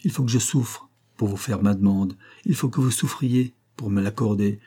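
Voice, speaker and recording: A man voicing a grieving young woman who speaks in a trembling, halting way. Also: fairly low pitch, mellow, husky.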